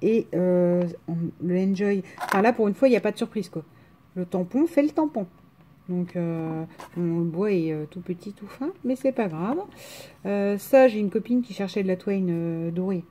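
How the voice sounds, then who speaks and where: A woman's voice: medium pitch, moderate pace, warm tone. A woman with a rural French accent, chatting casually to viewers in a haul video, rambling with hesitations and restarts. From France. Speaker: vlogger showing a craft haul.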